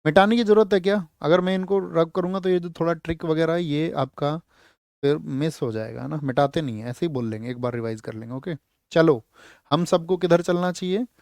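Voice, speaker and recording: A man's voice: a little high, a little fast, gravelly, darkish tone, no echo. A man teaching an exam-prep lecture who quizzes his students, answers his own questions and repeats key words so they stick.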